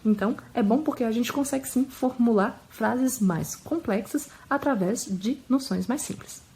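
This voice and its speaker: A woman in her thirties teaching a French lesson, explaining calmly and patiently and repeating each word slowly so learners can hear the pronunciation. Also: a little high, poor audio. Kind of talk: language lesson.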